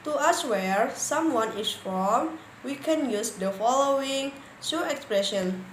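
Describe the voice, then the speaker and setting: Slow, careful Indonesian woman reading. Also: high-pitched, animated. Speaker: student presenting a lesson. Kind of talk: reading English dialogues aloud. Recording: echoey room, faint background noise.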